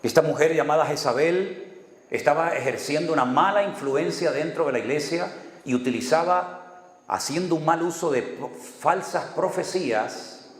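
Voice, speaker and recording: A man from preaching a sermon as a pastor, telling stories and acting out dialogue with dry humor. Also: a little high. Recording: echoey hall with long reverb.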